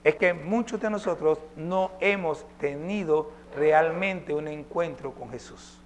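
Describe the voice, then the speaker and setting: A man's voice: fairly high pitch, measured pace, slight background noise. A male pastor preaching a sermon, emphatic and posing rhetorical questions to his congregation.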